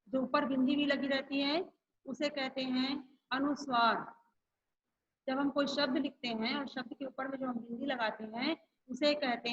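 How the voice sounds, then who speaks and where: A woman's voice: high-pitched, a bit bright, husky, muffled recording. A woman teacher giving an online grammar lesson to schoolchildren, repeating each rule and example. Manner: slow, repeats each point and example for pupils.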